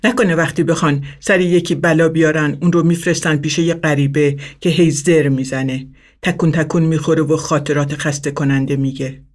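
A man voicing a bitter, bedridden old woman who snaps and shouts insults. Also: on the high side, steady tone, natural voice. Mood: furious.

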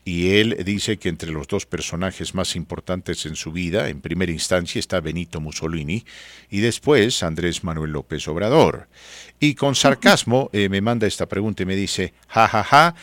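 A man's voice: deep voice, moderate pace, no room sound. A man hosting a radio talk show, chatting casually and joking with his co-host. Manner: jokey, chatty, animated. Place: radio studio.

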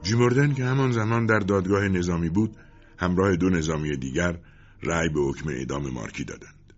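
A man narrating a classic novel in an expressive, dramatic storybook reading. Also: deep voice, highs cut off, soft background music.

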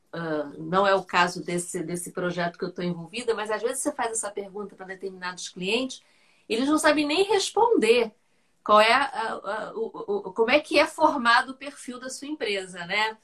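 A woman with a Brazilian Portuguese accent hosting a live-stream interview and sharing thoughtful, measured reflections in casual chat. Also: mid-range voice, lively intonation, a bit bright. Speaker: host.

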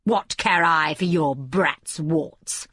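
A woman voicing a cruel, bad-tempered young male wizard who shouts in slow, heavy outbursts. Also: low voice, slightly rough, no room sound, studio quality, voice pushed down, exaggerated voice. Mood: angry.

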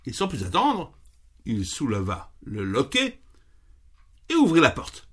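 A man reading a children's story aloud with expressive, unhurried storytelling. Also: medium pitch, breathy edge.

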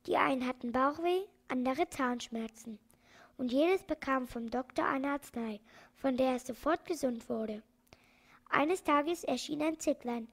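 Woman, children's story reading, high voice, gravelly fry, expressive lilt. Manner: expressive, lilting read-aloud. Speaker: narrator.

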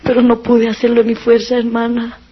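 A woman's voice: a little high, monotone, fairly quick, slightly rough. A woman giving a personal religious testimony, earnest and emotional, sometimes near tears, on a dull lo-fi recording.

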